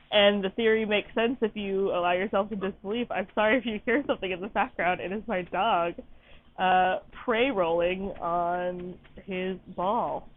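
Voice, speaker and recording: A tired woman chats her way through a casual game playthrough, rambling and apologizing as she goes. Her voice comes through thin and phone-like, with faint background music. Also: mid-range voice. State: tired, yawning. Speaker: gaming channel host. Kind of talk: casual let's-play commentary.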